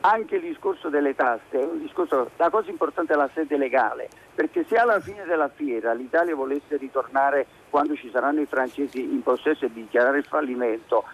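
A middle-aged or older man with a Neapolitan accent, calling a radio show and calmly laying out his arguments. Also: a little high, a little fast, hardly any pauses. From Naples, Italy. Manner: calm, argumentative, explanatory. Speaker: phone-in caller. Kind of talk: spontaneous opinion on a radio call. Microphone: telephone. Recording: noisy telephone call to radio.

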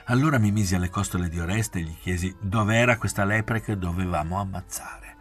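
A man reading a novel aloud in a measured, restrained way, often sinking to a near-whisper. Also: low voice, faint music behind. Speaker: audiobook reader. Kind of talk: literary audiobook narration.

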